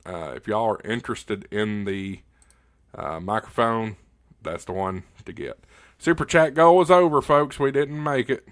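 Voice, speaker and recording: In a lowish, animated voice, the host of a ham radio channel's livestream answers viewer questions in a casual, folksy manner. He talks haltingly with pauses, right up on a close directional studio condenser microphone.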